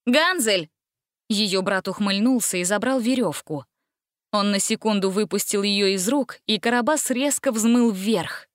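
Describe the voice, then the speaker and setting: A woman's voice: mid-range voice, normal speed, dry recording, studio quality. Woman reading a storybook aloud. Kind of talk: storybook narration.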